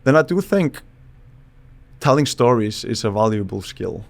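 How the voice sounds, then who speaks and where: A low-pitched man talks through his ideas as a podcast guest. He pauses and restarts mid-phrase as he thinks aloud, in a relaxed, casual conversational way. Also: vocal fry. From Iceland. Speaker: psychologist and charisma expert guest.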